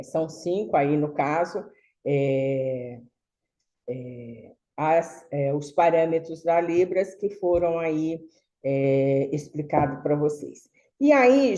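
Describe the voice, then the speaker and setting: A woman's voice: low voice, mellow, muffled recording. A woman teaching a sign language class, explaining patiently with many fillers and tag questions. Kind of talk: online lecture.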